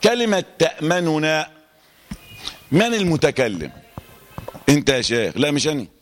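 An Egyptian-accented man leads a recitation class in a lively, questioning manner, his voice sitting a little high. He stretches out verses to show the rules, and a long hall reverb trails each phrase. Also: faint music behind. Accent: Egyptian Arabic. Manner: animated, quizzes students, chants verses slowly. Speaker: Quran recitation teacher. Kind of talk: classroom lesson on tajweed.

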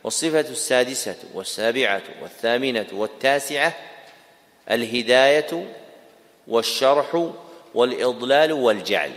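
A man teaching a class on creed, repeating each key term slowly as if for dictation and putting questions to his students. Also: medium pitch, fairly bright tone, in a large hall. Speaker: Islamic scholar teaching a class.

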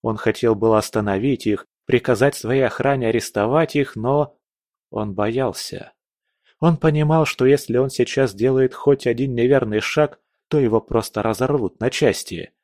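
A man reads an audiobook in a steady, even storytelling style, delivering scripted narration. His voice is mid-range at a moderate pace, captured as a dry, clean studio recording.

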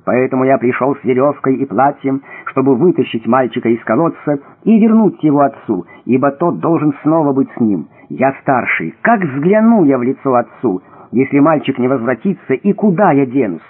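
A man's voice: mid-range voice, expressive, normal speed, few pauses, husky. A man voicing a distraught eldest brother, crying out and pleading in anguished bursts. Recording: thin phone-like audio.

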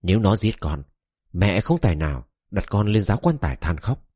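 A man reading an old queen mother begging her son, low dark voice, dry close sound. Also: very animated, brisk, slightly rough, no room sound. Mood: tearful plea. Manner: pleading, tearful recitation.

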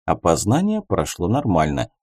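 A man reading an audiobook as its narrator, telling the story in a measured, expressive way. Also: low voice, no echo, studio quality. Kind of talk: scripted narration.

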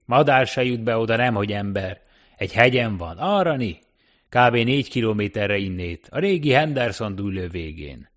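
A man voicing a gruff, talkative middle-aged male cab driver in an audiobook reading, folksy and loud. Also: lowish voice, pitched above the performer's own voice, natural voice.

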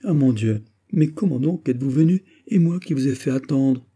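A man's voice: medium pitch, moderate pace, mellow, close to an everyday voice. Man doing an ardent courtly nobleman. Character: gallant male superintendent, ardent suitor.

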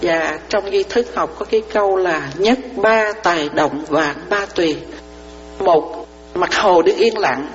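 A woman, a Buddhist nun, giving a dharma talk to lay followers. She explains through parables and often asks whether her listeners understand. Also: mid-range voice. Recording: reverberant hall, dull lo-fi sound, faint mains hum.

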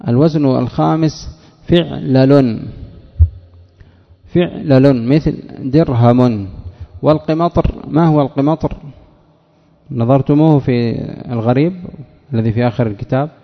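A middle-aged man teaching a classroom grammar lesson, quizzing students by name and spelling out word patterns slowly. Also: medium pitch, creaky. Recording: dull lo-fi sound in a long-reverb hall.

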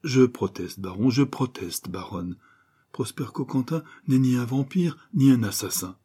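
A man's voice: sits low, a little fast, darkish tone, husky. A man voicing a naive, pompous young private detective who gets flustered.

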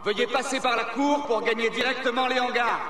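A man making formal instructions over a PA loudspeaker in a film. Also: very high voice, steady tone, a little fast, slight background noise. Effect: announcement over a PA loudspeaker. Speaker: public address announcer in a film. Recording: echoey loudspeaker sound from far off with film music.

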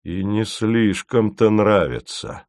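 Мужчина в роли грубоватого Фомина. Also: male voice, fairly low pitch, animated, takes it slowly, a little mellow, dry recording, studio quality. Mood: matter-of-fact. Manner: blunt, brusque. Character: gruff practical young man, quick-tempered.

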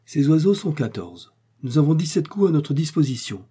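A steady, practical big-game hunter from a storybook adventure, read by a man. He talks plainly and firmly in a dark, husky tone. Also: a little high, moderate pace, voice pushed up, exaggerated voice. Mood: resolute.

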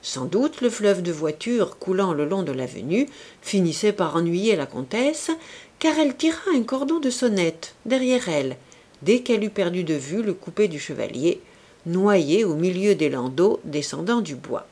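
A woman reads a classic novel aloud in measured, expressive audiobook narration. Her pitch sits mid-range but rises and falls in lively curves. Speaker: audiobook reader.

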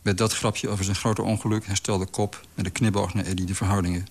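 A man reading a literary story aloud in a calm, measured way. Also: fairly low pitch. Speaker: narrator. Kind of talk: scripted literary narration.

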